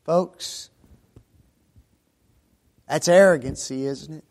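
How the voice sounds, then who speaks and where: High-voiced preacher, shouting emphasis. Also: male voice, slow pace. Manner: swings from quiet asides to loud shouted emphasis; rhetorical questions to the congregation. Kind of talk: sermon.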